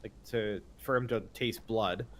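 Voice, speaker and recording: A man's voice: fairly low pitch, steady tone, unhurried, a bit bright. A man playing a tabletop game, speaking hesitantly with many fillers. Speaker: player. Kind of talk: casual tabletop play.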